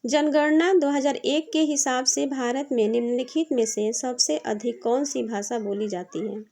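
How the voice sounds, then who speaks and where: A woman's voice: high voice, normal speed, warm tone. A woman teaching an exam-prep lesson. She reads each question twice and then explains the answer with patient repetition.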